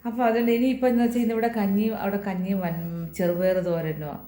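A woman's voice: medium pitch, steady tone, quick pace, mellow. A middle-aged woman, chatting to the camera in a casual home vlog while doing chores with a sore, hurt hand. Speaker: home vlogger.

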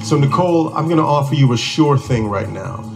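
With music and a studio crowd in the background, a game show host in a large TV studio guides a contestant through play. His medium-pitched voice is animated and fairly quick, with vocal fry.

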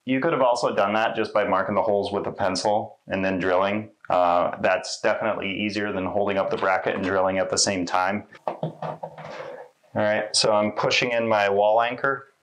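A man in his thirties casually walking through a laundry installation step by step in a small laundry room, relaxed and conversational. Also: lowish voice, moderate pace. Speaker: installation demonstrator. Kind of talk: casual how-to walkthrough.

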